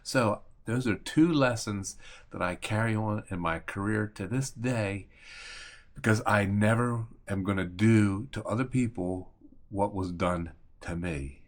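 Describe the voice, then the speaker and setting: A man's voice: fairly low pitch, a little slow. A man in his fifties from Maryland, a real estate agent telling a personal story in a casual, conversational way, now and then with mild cursing. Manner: conversational, mildly profane, acts out remembered dialogue.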